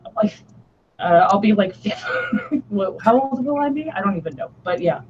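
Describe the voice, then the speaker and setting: A woman's voice: medium pitch, lively intonation, moderate pace. A woman in her late twenties co-hosting a casual chat with friends, rambling and giggly, often cutting herself off mid-sentence. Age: late 20s. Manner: rambling, giggly, self-interrupting. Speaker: co-host. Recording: dull lo-fi sound with faint noise.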